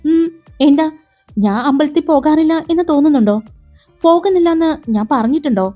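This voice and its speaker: A woman's voice: high-pitched, animated, a little fast, dark tone, faint music behind. A woman reading the part of a teasing, protective young man in a romance story, playful and commanding.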